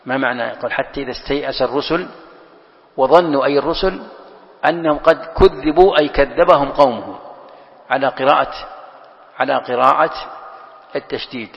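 A man's voice: medium pitch, creaky. A man teaching as a sheikh, explaining scripture step by step in class and restating each verse as he goes. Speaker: sheikh teaching Quran commentary. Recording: lo-fi recording in a reverberant hall.

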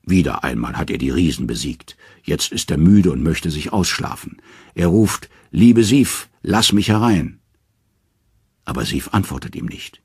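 Deep, husky male audiobook narrator. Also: normal speed, no room sound, clean studio sound. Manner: expressive, dramatic storytelling. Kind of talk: scripted storytelling narration.

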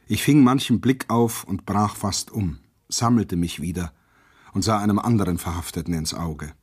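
A man reading a first-person literary account aloud, grave and intense, rising sharply at the quoted shouts. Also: fairly low pitch, slightly rough. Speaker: narrator.

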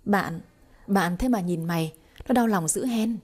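A woman voicing a harsh, abusive older mother-in-law who scolds in a shrill, rapid-fire way, in an audiobook reading. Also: a little mellow, slightly rough. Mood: scolding.

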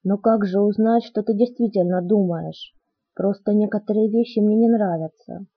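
A woman voices a brooding, soft-spoken teenage boy in an audiobook, keeping her delivery hushed and measured. Her voice is mid-range and husky, with the highs cut off.

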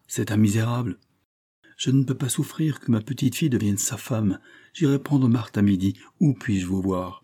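A man reading an audiobook, voicing a resolute old grandfather who reasons in a measured, firm way. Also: lowish voice, mellow, breathy edge. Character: grave, resolute grandfather, protective and calm.

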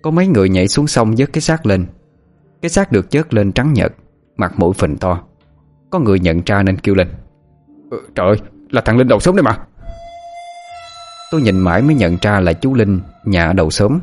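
A man telling a spooky village story in the first person, his voice low and even. The delivery is measured and scripted, with faint music underneath. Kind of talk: scripted horror narration.

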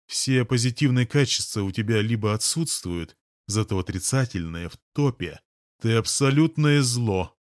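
Audiobook: male reader as a stubborn, tearful young woman, snappish, slightly higher voice. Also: animated, moderate pace, no room sound, clean studio sound, close to an everyday voice. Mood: scornful. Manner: sharp, petulant, tearful. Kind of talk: audiobook character voice.

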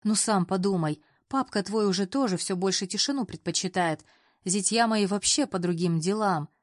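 A woman's voice: medium pitch, moderate pace, no room sound, clean studio sound, close to an everyday voice. A woman voicing a cheerful, persuasive older uncle who talks in a folksy, coaxing manner.

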